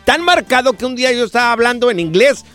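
A man's voice: extremely high pitch, quick pace. Man, radio comedy host, bouncy voice, music faint under. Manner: storytelling, animated, laughing.

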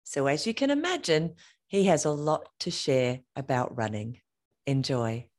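Interviewing a guest on her podcast, this host sounds enthusiastic and chatty, often stumbling and beginning her questions again. Her voice is low, darkish in tone and expressive, and her pace is unhurried.

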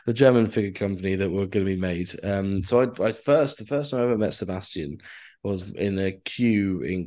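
A man's voice: low-pitched, a little mellow. A man telling a rambling story in casual podcast chat, full of fillers and swearing. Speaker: podcast co-host.

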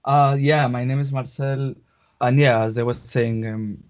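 A man's voice: medium pitch, fairly even intonation. Spanish man on a muffled call. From Spain. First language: Catalan. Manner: halting, restarts often, tag questions. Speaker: guest. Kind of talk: casual interview chat. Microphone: video call.

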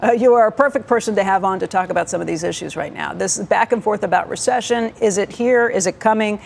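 A woman anchors a live television news show and interviews a guest, speaking crisply and steadily. Her voice has a gravelly edge, there is faint noise behind her, and her pitch sits mid-range. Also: fast.

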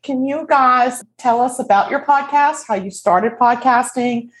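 A woman in her fifties co-hosting a podcast in casual chat, laughing often and talking excitedly. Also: high-pitched, measured pace, poor audio. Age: 50s. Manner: laughs often, animated and exclamatory. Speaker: podcast co-host.

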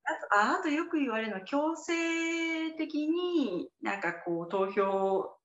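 A woman's voice: high voice, animated. Woman guest on a roomy, dull call line. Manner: measured, explanatory, frequent fillers. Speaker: guest campaigner. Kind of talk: casual interview chat.

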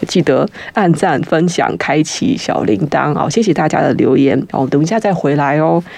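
Young guy from taiwan on the radio, rambly and nervous, gravelly voice, kinda high. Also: darkish tone. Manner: fast, rambling, self-conscious with nervous laughs and restarts. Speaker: radio guest host. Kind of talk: casual radio chat. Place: radio studio. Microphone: studio mic with headphones.

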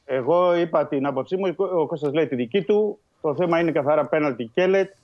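A man with a slightly high voice lays out a disputed refereeing call step by step on a radio show. He stays stubborn and keeps talking over the others. The sound is a little muffled. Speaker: refereeing pundit. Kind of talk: heated radio football debate.

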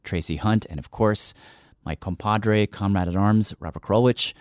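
A man's voice: fairly low pitch, normal speed, clear, resonant tone, no room sound, clean studio sound. A man hosting a radio show, talking thoughtfully with some hesitation as he introduces a story. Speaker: podcast host.

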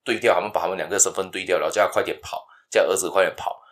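A man's voice: deep voice, steady tone, racing, a bit bright. A man hosting a casual storytelling podcast, rambling and often correcting himself. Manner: rambling, frequent self-corrections. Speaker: podcast host.

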